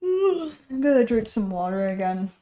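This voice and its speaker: A woman's voice: fairly high pitch, sing-song, measured pace, dark tone. A woman streamer casually chatting while reading game patch notes, rambling and correcting herself as she goes. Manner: rambling, self-correcting, thinking aloud.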